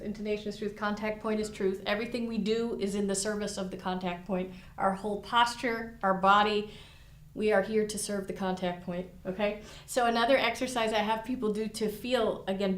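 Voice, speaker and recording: Woman viola teacher, mid-pitched, encouraging and descriptive, roomy studio sound. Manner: encouraging, explains with imagery. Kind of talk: instructional lesson with demonstration. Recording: echoey room.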